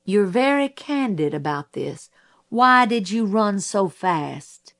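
A scornful male prosecutor with a drawl, voiced by a woman reading aloud. He lets each slow, cutting question hang in the air, pitching up in mock outrage. The delivery is unhurried and pointed. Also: expressive, a bit bright.

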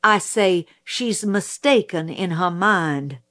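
A woman voicing a calm, respectful young man on the witness stand, speaking plainly. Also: lowish voice, slow. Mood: steady. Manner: plain, quiet, polite.

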